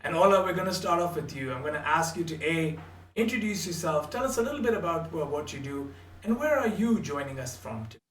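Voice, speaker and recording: A man's voice: fairly high pitch, lively intonation, quick pace. A man moderating an online panel discussion, speaking in a polished way and quoting proverbs. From Canada. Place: home office in Ontario. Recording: roomy distant mic, faint hum.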